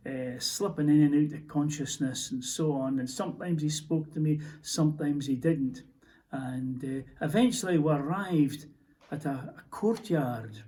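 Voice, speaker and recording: A man with a Scottish accent playing a haunted soldier in a theatrical monologue, telling his story in a halting, stammering, emotional way. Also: a little high, darkish tone, close to an everyday voice. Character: Scottish soldier recounting a prisoner's execution, haunted. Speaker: stage actor. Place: theatre stage.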